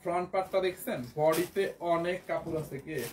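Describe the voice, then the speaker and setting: Fast-talking hoarse man selling clothes. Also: high-pitched, fairly even intonation, a little hiss or hum. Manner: repetitive, coaxing, calls viewers "apu". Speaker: clothing seller. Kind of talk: live online sales pitch.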